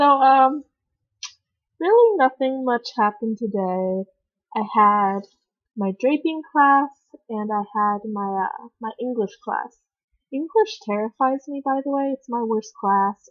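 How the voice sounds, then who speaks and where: A young woman chats to her camera with a bubbly, rambling energy. She slips into giggly, dramatic asides, and her voice sits a little high. The recording is dull and lo-fi, with muffled highs. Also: lively intonation, measured pace, no room sound. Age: young adult. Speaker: vlogger. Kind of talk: casual chat. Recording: dull lo-fi webcam audio.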